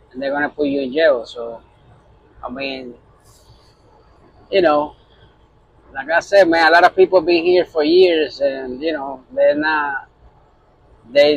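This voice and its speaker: Rambling into his phone camera, a man from Puerto Rico who drives trucks keeps things casual, his speech full of fillers and false starts. The voice is a little high and creaky, captured in lo-fi sound with slight background noise.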